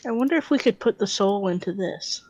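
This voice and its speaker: A woman's voice: medium pitch, lively intonation, brisk, darkish tone, muffled recording, a little hiss or hum. A woman playing a tabletop role-playing game, chatting casually with a dry, sardonic manner.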